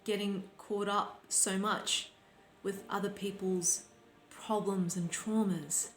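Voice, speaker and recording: Slow, deliberate woman coach, roomy sound. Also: medium pitch, fairly even intonation. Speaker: life coach. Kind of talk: reflective talk to camera. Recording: roomy sound with faint background music.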